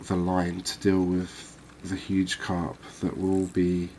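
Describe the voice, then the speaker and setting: A cozy gaming channel host offers soft ASMR commentary on a game, his low voice very steady. He goes slowly and sounds calm and reassuring, with faint noise and ambience underneath.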